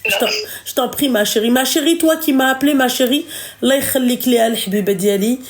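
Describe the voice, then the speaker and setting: A woman's voice: high voice, brisk. A woman hosting a call-in advice talk, fervent, affectionate and emphatic.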